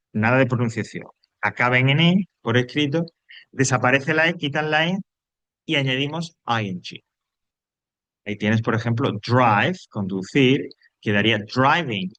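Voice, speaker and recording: A man's voice: mid-range voice, fairly bright tone, no room sound. A man recording an online English grammar lesson for Spanish speakers, patiently repeating each rule step by step. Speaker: English teacher.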